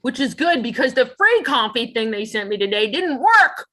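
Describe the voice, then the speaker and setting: A woman's voice: fairly high pitch, sing-song, moderate pace, pushed and bright. A middle-aged woman musician chatting as a guest in an interview, talkative and laughing often between phrases. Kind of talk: casual interview chat.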